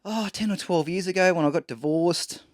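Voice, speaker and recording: A man's voice: high-pitched, moderate pace, dry recording, clean studio sound. A middle-aged man with an Australian accent, co-hosting a podcast in rambling, laid-back chat and swearing freely. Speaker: podcast co-host. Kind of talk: casual chat.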